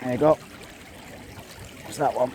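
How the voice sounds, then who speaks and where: Counting his catch aloud, the English angler vlogger gives unhurried, casual commentary while wading in a river on a windy bank. His voice is warm and medium in pitch, and running water and wind are audible behind him.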